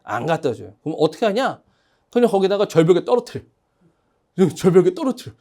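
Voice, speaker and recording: Pastor for a church sermon: lively pitch, soft mellow tone, quizzes the congregation and leads them in repeating lines. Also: a little fast. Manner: questions the congregation and has them repeat phrases; storytelling, conversational with fillers.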